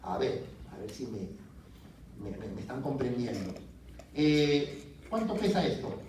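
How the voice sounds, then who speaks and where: A man's voice: medium pitch, measured pace, a little hiss or hum. Peruvian man lecturing in an echoey classroom. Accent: Peruvian Spanish. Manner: lively, keeps quizzing students with tag questions. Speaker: medical school lecturer. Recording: echoey classroom, mic far off.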